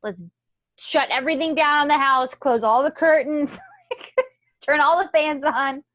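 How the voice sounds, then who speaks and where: A woman's voice: high-pitched, unhurried, a bit bright, no echo. A young woman co-hosting a casual home podcast, chatting and teasing in an easygoing way, tired after a morning run. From Florida. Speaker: podcast co-host. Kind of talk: casual chat. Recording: dry, muffled lo-fi home recording.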